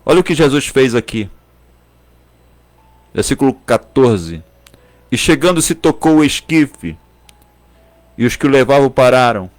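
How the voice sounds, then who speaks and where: A man's voice: mid-range voice, expressive, measured pace, long pauses. A man preaching a sermon in a Brazilian Portuguese accent, repeating phrases for emphasis and at times speaking in tongues. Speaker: pastor.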